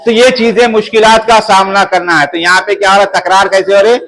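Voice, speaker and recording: A man teaching an Urdu revision lesson to a class, speaking slowly and deliberately and asking his students the same questions again and again. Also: high-pitched, flat delivery, fairly bright tone, low-quality recording.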